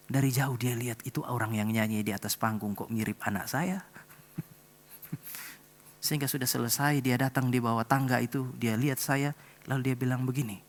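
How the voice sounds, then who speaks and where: A middle-aged pastor preaching a sermon in church, telling a personal story and speaking straight to the congregation. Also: male voice, mid-range voice, gravelly. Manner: storytelling, addresses congregation directly.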